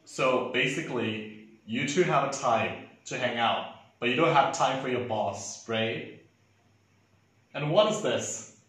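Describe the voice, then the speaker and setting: A man's voice: medium pitch, a bit bright. A man acting a haughty, camp, angry fashion designer boss in a condescending, theatrical audition monologue. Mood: exasperated, weary. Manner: condescending, theatrical, drawn-out rhetorical questions. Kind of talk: acted audition monologue to camera. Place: indoors, plain dark backdrop, echoey room. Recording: very echoey room.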